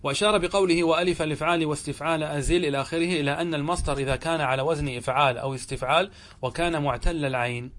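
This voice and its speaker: Measured male Arabic grammar teacher. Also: fairly high pitch, a bit bright. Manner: explains step by step, asks and answers his own questions; reads the text aloud slowly, stretching out words. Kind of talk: classroom lecture on a grammar text.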